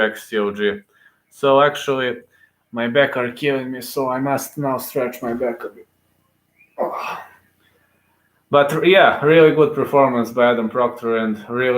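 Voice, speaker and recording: A man's voice: medium pitch, fairly bright tone, reverberant, low-quality recording. A man from Serbia, commentating fights live and answering chat in a rambling, hesitant way. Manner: rambling, hesitant, repeats himself.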